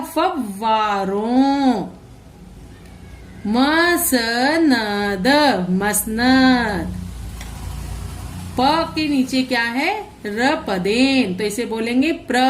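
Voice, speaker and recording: A woman school teacher giving a recorded lesson to young children, sounding out words syllable by syllable with slow, careful speech. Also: high-pitched. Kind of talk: online class lesson, reading aloud slowly.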